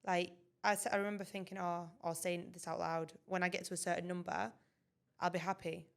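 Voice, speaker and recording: A woman's voice: fairly low pitch, flat delivery, brisk, vocal fry. Chatty young woman. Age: 20s. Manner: chatty, laughs often. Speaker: podcast co-host. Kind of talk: casual chat.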